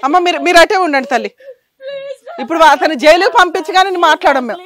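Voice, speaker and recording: A woman's voice: extremely high pitch, fast, a bit bright. A woman advocate hosting a counseling show, stern and scolding as she lectures the family in front of her. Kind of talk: confrontational counseling on a reality show.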